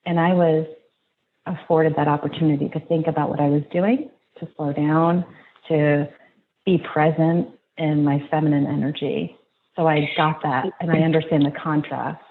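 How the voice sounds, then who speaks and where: A woman guest in an interview, reflecting slowly and haltingly, restarting her sentences. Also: deep voice, flat delivery. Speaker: podcast guest. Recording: tinny phone-like line, faint noise.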